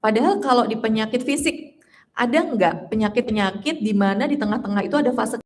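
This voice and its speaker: A woman in her late thirties leads a casual workshop talk, her voice sitting a little on the high side. She chats with the audience in a loose, friendly way, laughs easily, and slips into little acted voices when she quotes people. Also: a little fast, a little mellow. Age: 30s. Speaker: trainer.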